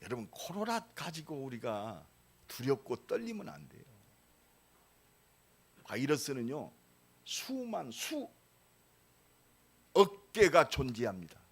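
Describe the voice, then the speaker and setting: A man's voice: mid-range voice, sing-song, a little slow, pauses often, breathy edge. Man in his sixties preaching emphatically. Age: 60s. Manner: emphatic preaching with sudden loud rises; conversational storytelling asides. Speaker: pastor. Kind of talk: sermon.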